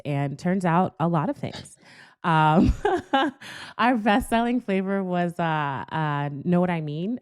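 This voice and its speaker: A woman in her thirties with a notably low voice, speaking as a guest on a podcast. She tells stories enthusiastically and laughs often as she talks. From Jamaica, raised in South Florida. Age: 30s. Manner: enthusiastic, animated storyteller who laughs often. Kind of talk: casual podcast conversation.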